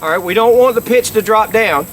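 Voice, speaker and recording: A middle-aged man with a notably high voice presents a practical how-to lesson. He explains each step and restates key points for emphasis, speaking outdoors. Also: brisk, a bit bright. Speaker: instructor, game call company presenter. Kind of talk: instructional how-to demonstration. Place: outdoors by a lake.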